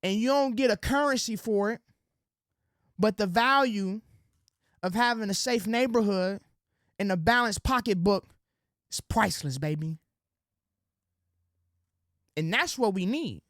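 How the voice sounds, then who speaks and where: A man's voice: high-pitched, measured pace, long pauses, no echo, clean studio sound. Slangy man preaching civic duty. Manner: preachy, street slang, addresses audience as ladies and gentlemen; drops into soft sweet-talk voice when acting out quotes. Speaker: political commentary host. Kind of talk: direct-to-camera political monologue.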